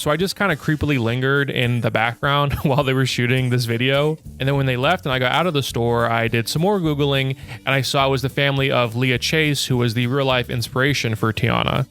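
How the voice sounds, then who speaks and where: A man's voice: mid-range voice, a bit bright. Blunt young man narrating a video essay. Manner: blunt, opinionated, sarcastic. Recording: faint music under the voice.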